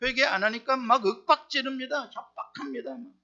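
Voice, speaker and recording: Very high, bright-voiced man preaching. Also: sing-song, a little fast, dull audio. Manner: emphatic, rhetorical questions, swings between loud and soft. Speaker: pastor. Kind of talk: sermon.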